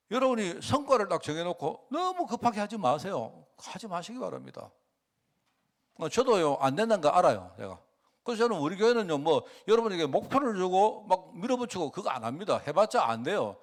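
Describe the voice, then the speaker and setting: Lively, conversational male pastor preaching. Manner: conversational, asks the congregation questions often; lively swings in pitch and loudness. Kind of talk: sermon.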